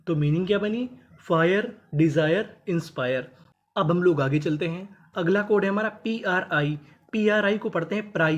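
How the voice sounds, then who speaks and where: Teacher spelling out English words slowly. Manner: spells out letters slowly, then repeats each word; drops pitch on the last word of each list. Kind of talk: spelling and phonics lesson.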